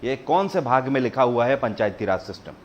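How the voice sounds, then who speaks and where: Guy running a live quiz class, mid pitch, reads the question slow then explains, faint room noise behind. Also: expressive. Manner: reads questions slowly, then explains and presses viewers to answer; mixes English terms into Hindi explanation. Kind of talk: live online quiz lesson.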